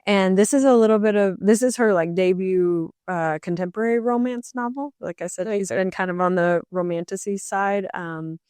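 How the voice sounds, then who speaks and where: A woman's voice: medium pitch, normal speed, few pauses, darkish tone, clear, resonant tone, dry recording, studio quality. Chatty woman co-hosting a book podcast. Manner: chatty, rambling with many fillers. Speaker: podcast co-host. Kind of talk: casual book chat.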